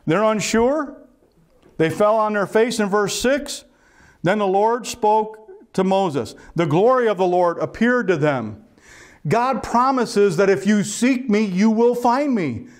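A man preaching a sermon as pastor, earnest and asking his listeners rhetorical questions. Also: sits high.

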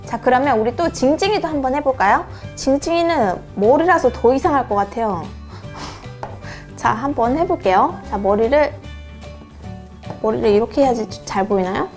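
A woman's voice: high voice, lively intonation, normal speed, faint music behind. A young woman hosting a toy unboxing for children, calling herself by name, talking to viewers as her friends, and singing out playful cries for each reveal. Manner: sing-song reveal cries.

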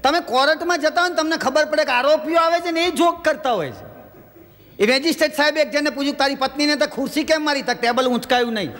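High-voiced comedian in a reverberant hall. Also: male voice, fairly bright tone, slight background noise. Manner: storytelling with quick character voices and dialogue. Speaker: stand-up comedian. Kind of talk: stand-up joke telling in a stage show.

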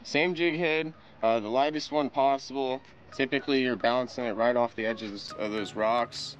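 A man's voice: medium pitch, moderate pace, highs cut off, a little hiss or hum. A young man outdoors by a boat, giving practical fishing tips in an easygoing, casual way.

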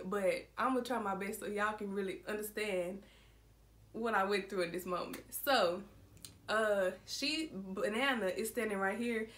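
Bright, lively young woman telling a story. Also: medium pitch. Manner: animated, laughing, addresses viewers as y'all. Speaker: vlogger. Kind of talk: storytime vlog.

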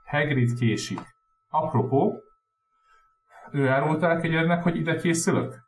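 A man voicing a calm, wise old male headmaster with a gentle, measured manner, in a roomy room. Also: on the high side, recorded from a distance, voice pushed up, close to an everyday voice.

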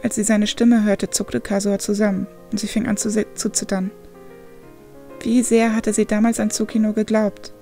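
A woman narrating a dark storybook in a calm, measured way. Her voice has a gravelly, creaky texture at a medium pitch. Quiet instrumental music plays behind her. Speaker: audiobook reader.

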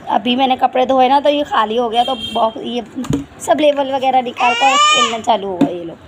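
A woman's voice: high voice, very animated, moderate pace, heavy background noise. A young mother in a casual family vlog, talking to viewers while scolding and cooing at her small children. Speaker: vlogger mother.

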